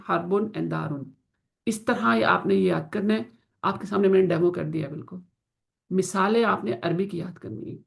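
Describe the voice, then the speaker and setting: A woman teaching Quranic Arabic grammar in an online class, explaining in Urdu mixed with English and slowly drawing out the Arabic example words. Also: mid-range voice, gravelly. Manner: slow drawn-out pronunciation of Arabic example words, asks students to confirm.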